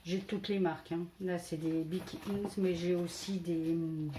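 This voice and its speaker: Speaking a little slowly in a steady, fairly low voice, this scrapbooking vlogger from France walks through a relaxed haul. Her talk is halting and packed with fillers as she numbers each item out loud, and background noise is audible.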